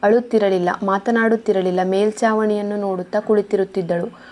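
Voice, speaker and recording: Woman storyteller, mellow warm tone, steady scripted narration. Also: mid-range voice, fairly quick.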